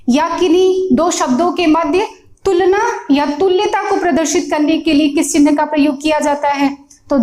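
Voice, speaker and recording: A woman teaching a grammar lesson, patiently explaining with examples and often pausing to check that you follow. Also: very high voice, reverberant. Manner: patient, repeats points, often checks with "theek hai".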